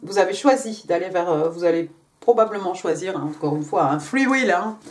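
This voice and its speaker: Speaking briskly in a lowish voice with lively intonation, a woman tarot reader chats her way through a casual reading, full of fillers and "hein" tags. She switches to English for the card text, and a little hiss or hum is audible.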